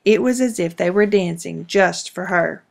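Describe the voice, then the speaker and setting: A woman narrating a children's storybook in a measured, expressive way. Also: lowish voice, vocal fry.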